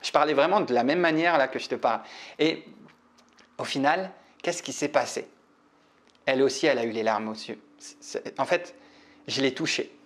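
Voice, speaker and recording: A man's voice: mid-range voice, normal speed, long pauses. A young man teaching in a casual, chatty way, talking straight to the listener with fillers and restarts. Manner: chatty, animated, addresses listener directly with many fillers and restarts. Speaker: public speaking coach. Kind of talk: casual teaching monologue to camera.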